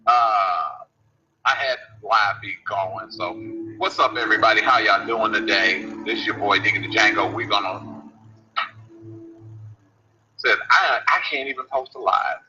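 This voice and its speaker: A man's voice: lowish voice, normal speed, pushed and bright, faint music behind. A man hosting a casual radio show, talking in a folksy, incredulous way. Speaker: host. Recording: dull lo-fi livestream audio with faint hiss.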